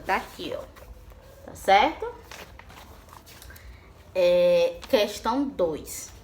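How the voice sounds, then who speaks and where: A woman teaching young children in a remote lesson, asking questions and answering them herself in a patient, sing-song way. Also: mid-range voice. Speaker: primary school teacher.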